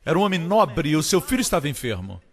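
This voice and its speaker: A man delivers a Portuguese-dubbed sermon with strong emphasis, very animated and talking fast. His fairly high voice leaps upward whenever he drives a point home. A long reverb tail follows every phrase, as though the sound is carrying through a large hall.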